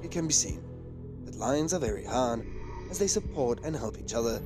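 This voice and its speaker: A man's voice: mid-range voice, expressive, normal speed, music in the background. A man reading scripted narration for a wildlife documentary.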